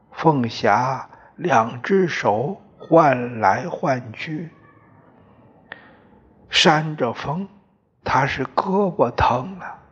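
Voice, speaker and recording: A man narrating a novel as an audiobook, in a slow, deliberate storytelling manner that at times drops to a whisper. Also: medium pitch, breathy edge, dull audio. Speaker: audiobook reader.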